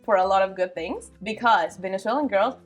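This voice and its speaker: A young woman from Peru giving quick, animated opinions in a casual group discussion. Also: medium pitch, dull audio, faint music behind. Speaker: panelist.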